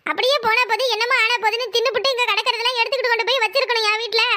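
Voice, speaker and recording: A squeaky pleading cartoon little sister. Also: female voice, steady tone, rapid-fire, bright, forceful tone, slight background noise. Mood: sulky. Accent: Kanyakumari Tamil. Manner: pleading, coaxing, defensive. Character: pleading loyal younger sister, young woman. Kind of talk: cartoon voice acting.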